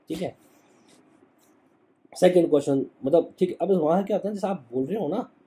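A man's voice: medium pitch, dark tone, slight background noise. A young man, a travel YouTuber, telling a story in a casual, slangy way and often adding "ठीक है".

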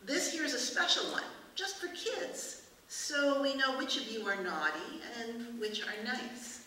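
A woman reading the lines of a curt, menacing policeman who speaks in a flat monotone, in an echoey room away from the mic with hiss. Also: fairly high pitch, a little slow, far from the mic, pitched above the performer's own voice. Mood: mocking.

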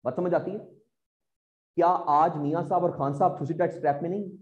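Man, Pakistani Urdu accent, lecturing exam students, rhetorical questions, high-pitched voice, dull lo-fi sound. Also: fairly even intonation, a little fast, a little mellow. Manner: rhetorical, keeps asking if students follow. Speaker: CSS exam teacher.

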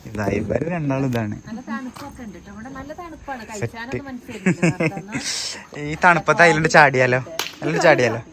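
A man's voice: fairly high pitch, a little slow, pauses often. Man chatting over crowd noise. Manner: chatty commentary to family. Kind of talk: casual vlog chat.

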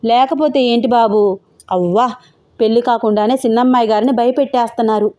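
A woman's voice: fairly high pitch, brisk, mellow, close to an everyday voice. A woman voicing a chatty, blunt village housemaid speaking rustic dialect. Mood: cheeky. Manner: rustic dialect speech, cheeky.

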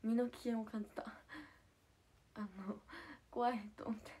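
Soft-spoken young woman, half-whispering. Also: on the high side, flat delivery, a little slow, slight background noise. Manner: soft half-whispered, thanking viewers by name. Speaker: idol livestreamer. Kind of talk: late-night casual livestream chat.

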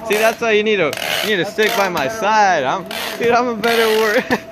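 A young man films a casual vlog on his phone in a big warehouse, teasing his coworkers and laughing a lot. His voice sits a little high. Loud warehouse noise runs behind him. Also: fairly quick. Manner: teasing, jokey, laughs often. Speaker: vlogger filming coworkers. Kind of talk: casual joking vlog chatter. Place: large warehouse floor, indoors. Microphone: handheld phone camera. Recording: noisy warehouse ambience.

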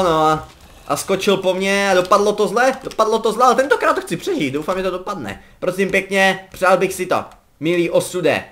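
A young man talks his way through a game session in a relaxed, rambling way, his voice sitting a little high. He jokes with his viewers and jumps into sudden excited yelps when the action turns against him. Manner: chatty, joking, rambling, breaks into excited yelps. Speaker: gaming commentator. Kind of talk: casual gameplay commentary.

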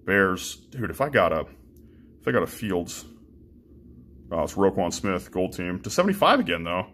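A young man with a slightly low voice talks his way through opening card packs. He is relaxed and chatty, swearing casually and often stumbling into restarts and ums. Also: normal speed, a little hiss or hum. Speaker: card-breaking channel host.

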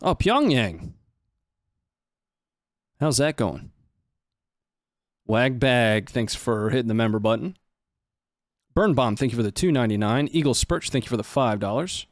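A man in his thirties hosts a stream from a small indoor studio, giving casual live commentary on footage into a close desk microphone on a boom arm. His medium-pitched voice has lively intonation, a little slow with frequent pauses, and there's no room sound.

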